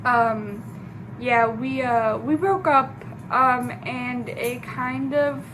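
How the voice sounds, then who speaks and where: A young woman vlogging casually, rambling in a halting way with many fillers and restarts. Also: on the high side, steady tone, fairly bright tone, slight background noise. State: sleepy, just woke up. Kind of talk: casual personal vlog.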